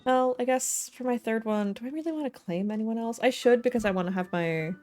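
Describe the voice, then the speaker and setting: This is casual gaming-stream chatter from a woman livestreamer, backed by game music. She talks a little fast in a slightly mellow, higher-pitched voice, rambling playfully and thinking out loud with silly slang.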